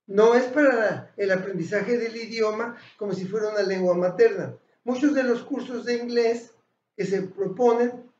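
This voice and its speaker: A man teaching a language lesson, explaining slowly and deliberately, pausing and correcting himself mid-sentence. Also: sits high, a little mellow. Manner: slow, deliberate, with pauses and self-corrections. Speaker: English teacher. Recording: echoey, dull lo-fi room sound.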